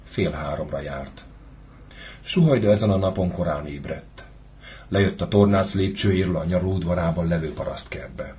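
A man narrating a classic short story for an audiobook, measured and even in delivery. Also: deep voice. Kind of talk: scripted literary narration.

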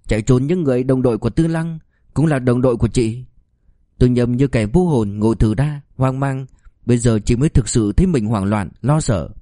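Male narrator, mellow tone, measured expressive reading, dry close sound. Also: mid-range voice, no room sound. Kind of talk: audiobook narration.

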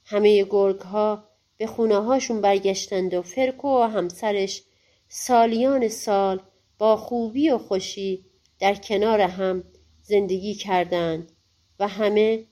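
A woman narrating a fairy-tale audiobook in a gentle, colloquial storytelling manner. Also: mid-range voice, fairly even intonation.

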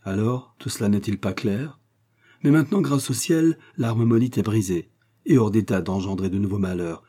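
A man's voice: fairly low pitch, moderate pace, mellow, slightly rough. A man voicing an earnest young male student who speaks urgently and pleadingly.

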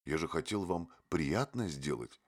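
A man voicing a naive, fawning young male poet who talks in a gushing, drawn-out way. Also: on the low side, lively intonation, voice pushed up. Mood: pleading.

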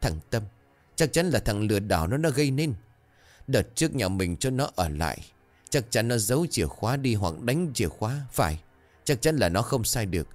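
A man's voice: on the low side, big pitch swings, normal speed, soft background music. A man voicing an older village wife who wails and scolds over her losses in a ghost story. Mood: accusing. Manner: wailing, scolding. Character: shrill grasping old village wife.

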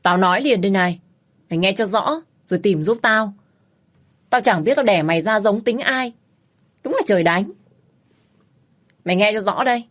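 A woman voicing a loud, bossy, nagging middle-aged mother who scolds her grown daughter coarsely. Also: mid-range voice, normal speed, pauses often, close to an everyday voice. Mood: scolding.

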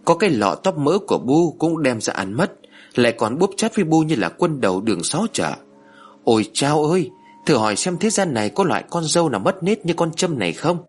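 Man doing a shrill scolding old mother-in-law. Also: very animated, a little fast, slightly rough. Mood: wailing. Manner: loud, wailing, scolding.

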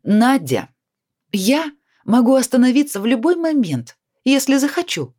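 A woman's voice: high-pitched, big pitch swings, a little slow, dark tone, pitched above the performer's own voice, exaggerated voice. A woman reading a storybook voices a drunk, despairing 42-year-old woman who whines and pleads. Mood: defensive. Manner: whiny, pleading, self-pitying.

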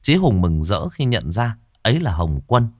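A man narrating a horror story with suspenseful, expressive delivery. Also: on the low side, moderate pace, dry recording, studio quality. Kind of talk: dramatic horror story reading.

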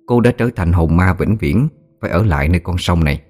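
A man reading a ghost story aloud in a slow, somber way. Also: sits low, lively intonation. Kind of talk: scripted horror story narration. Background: soft music with singing bowl.

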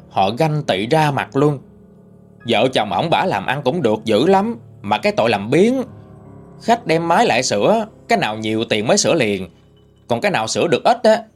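Lively Southern Vietnamese male storyteller. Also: mid-range voice. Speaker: ghost story reader. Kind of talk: first-person story narration.

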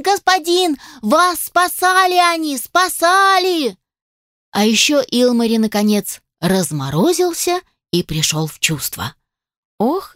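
A woman narrating a first-person fantasy audiobook in an expressive, lively way. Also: lowish voice, no echo. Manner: expressive, lively, voicing many characters. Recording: dry close voice.

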